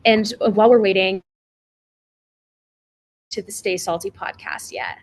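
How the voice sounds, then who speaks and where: A woman's voice: medium pitch, a little slow. Upbeat woman moderating a video panel. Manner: upbeat, filler-heavy moderating. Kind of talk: virtual panel discussion. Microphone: video call.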